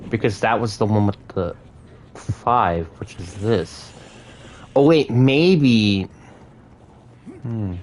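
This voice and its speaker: A man giving casual gameplay commentary, thinking aloud in a halting, puzzled way. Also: lowish voice, a little mellow, slight background noise. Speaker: gaming streamer.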